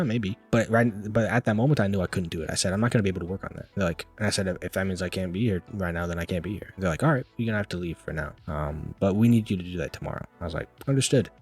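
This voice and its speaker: A man's voice: fairly low pitch, breathy edge. A young man telling a story in a casual rant, full of "like" and "bro". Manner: talks fast, peppers speech with "like" and "bro". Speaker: vlogger.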